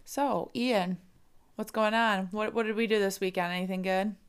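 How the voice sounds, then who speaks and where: A woman's voice: medium pitch, fairly even intonation, normal speed, clear, resonant tone. A woman co-hosting a casual podcast, teasing her partner with dry quips. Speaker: podcast co-host.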